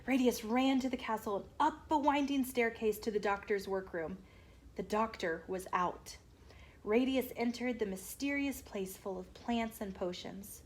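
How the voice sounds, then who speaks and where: With a fairly high voice and measured pace, a woman gives an expressive storyteller's reading of a children's picture book.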